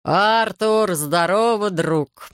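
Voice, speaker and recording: Guy reading a drunk bragging fisherman, drawls everything, gravelly, dry close audiobook sound. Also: on the high side, steady tone, a little slow, dry recording. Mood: drunk boasting. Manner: slurred, dragging, loud and maudlin. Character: drunk boastful fat man, sentimental old fisherman.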